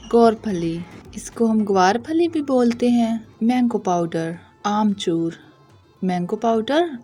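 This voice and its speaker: A woman teaching vocabulary, saying each word slowly and repeating it, and patiently correcting common mispronunciations. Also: mid-range voice, dark tone. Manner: patient, deliberate, corrects pronunciation.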